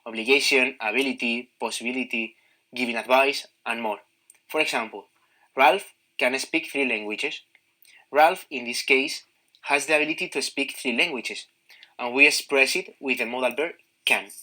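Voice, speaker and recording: A man reading a scripted grammar lesson in a slow, measured way. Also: mid-range voice, bright, forceful tone, poor audio.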